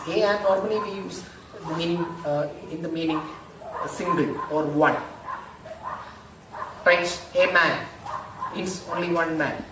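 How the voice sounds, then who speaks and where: Guy teaching grammar online, slow + repetitive, far off mic, noisy echoey room. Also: a little high. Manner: slow, repetitive, drills examples aloud. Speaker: school teacher.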